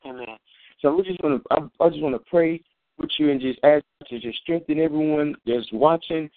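A man's voice: on the high side, fairly quick, dry recording. A man giving an earnest, informal faith testimony and sermon, repeating and restarting his phrases as he goes. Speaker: preacher sharing a testimony. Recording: dry tinny phone-like sound.

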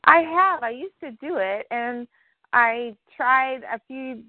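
A woman's voice: high voice, slow, no room sound. A woman chatting casually on a group call, friendly and affirming. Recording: tinny phone-like call audio.

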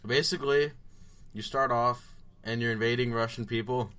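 A man's voice: mid-range voice, steady tone, moderate pace, fairly bright tone. A man chatting casually as a guest on a gaming podcast, playful and teasing.

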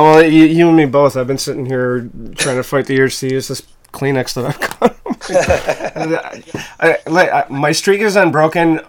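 A man's voice: medium pitch, slight background noise. A man hosting a podcast, casually and friendly, wrapping up the interview and thanking his guests. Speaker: podcast host.

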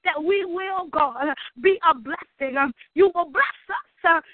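A woman's voice: very high-pitched, unhurried, a little hiss or hum. A woman leading a fervent spoken prayer, declaring each line with passion and many uh fillers. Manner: impassioned, declaring, with frequent uh fillers. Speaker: prayer leader. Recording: tinny phone line, dry.

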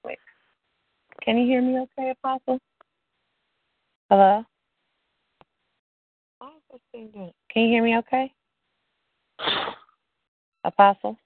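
High-voiced woman on a tinny phone line, call dropping out, keeps asking if she can be heard. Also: steady tone, slow, pauses often, dry recording. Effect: phone call dropping out, voice cutting in and out. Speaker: interviewer. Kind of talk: casual phone conversation.

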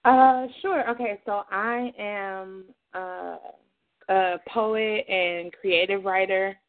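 Over a tinny phone line, a woman poet and creative writer calls in for a casual chat, her mid-range voice slow and fairly even, with slight background noise. She talks hesitantly and casually, using plenty of fillers.

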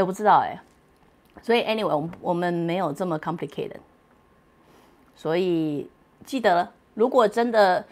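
A woman casually answering viewer questions on a late-night livestream. She is chatty and playful, laughs often and drops English words into her talk. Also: fairly low pitch.

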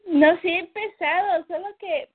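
A woman's voice: very high-pitched, normal speed. A woman client in a coaching session, hesitant and flustered as she talks. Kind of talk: coaching conversation. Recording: tinny phone-like call audio.

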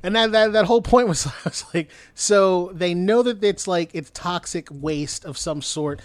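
A man's voice: sits high, moderate pace, no room sound. A man co-hosting a podcast, retelling a movie plot in a rambling, hesitant way with frequent laughs. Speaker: podcast co-host. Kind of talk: casual movie recap chat.

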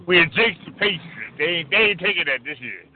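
A toothless middle-aged man, speaking high with mushy, stroke-altered articulation. He is a boisterous radio caller who repeats himself emphatically. The sound is a tinny, narrow phone line. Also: big pitch swings, fairly quick. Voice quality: altered speech after a stroke. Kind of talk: excited casual sports chat.

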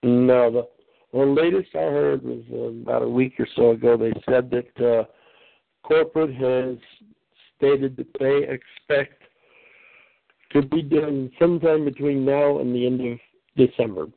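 A man's voice: mid-range voice, steady tone, a little slow, creaky, dry recording. A man hosting a conference call over the phone. He answers questions in a folksy, patient way, with fillers. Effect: heard over a phone line. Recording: tinny phone line, dry.

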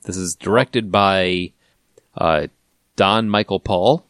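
Guy hosting a movie podcast, lowish voice, dry close mic, jokey, reads off cast lists. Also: takes it slowly, a bit bright, clean tone, no echo. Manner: joking, reads out cast and trivia. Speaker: podcast host. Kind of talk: casual podcast movie review.

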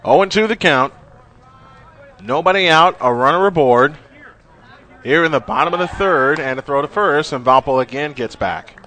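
A man's voice: a little high, moderate pace, bright, forceful tone. A man giving live baseball play-by-play in terse phrases, as the game announcer.

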